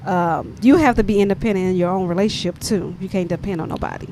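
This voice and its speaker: A woman's voice: mid-range voice, fast. A woman with a Southern US accent, talking animatedly in a casual panel chat. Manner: animated, laughing, talkative. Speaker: panel guest. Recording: noisy background.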